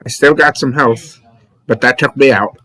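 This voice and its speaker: A man's voice: mid-range voice, moderate pace, a crowd in the background, rough recording. A man chatting casually as a player in a tabletop role-playing game.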